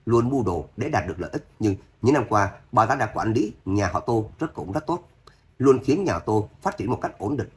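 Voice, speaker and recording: A man narrating an audio novel in a steady, dramatic storytelling manner. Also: on the low side.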